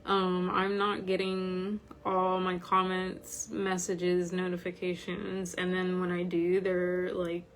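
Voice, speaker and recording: Woman, informal online group host. Tired, slightly croaky, very slow and even, over background noise. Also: fairly low pitch. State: tired from medication. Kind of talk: informal livestream talk.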